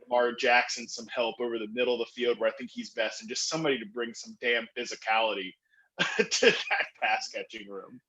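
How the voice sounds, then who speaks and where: Poor audio carries a medium-pitched man's voice as he guests on a podcast to talk fantasy football. He's excitable and fast, often restarting and leaning on fillers.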